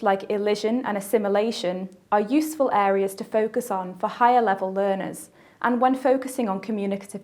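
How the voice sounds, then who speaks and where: A woman with a British accent giving a scripted, measured teaching narration for a language course, pausing to let listeners reflect. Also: medium pitch, a little mellow. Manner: measured, clear teaching delivery with pauses for reflection.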